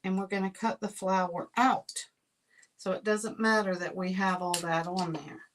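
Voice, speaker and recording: A woman's voice: mid-range voice, little pitch movement, normal speed, slight background noise, poor audio. A woman hosting a card-making livestream, chatting casually with viewers while she works. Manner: chatty, addresses viewers as y'all. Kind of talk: casual crafting demo with storytelling.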